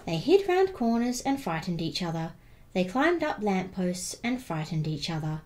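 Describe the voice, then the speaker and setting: A woman reads a children's picture book aloud as a storyteller, expressive and deliberately stressing repeated words. Her voice is on the low side and darkish, with big pitch swings. A little hiss or hum is audible.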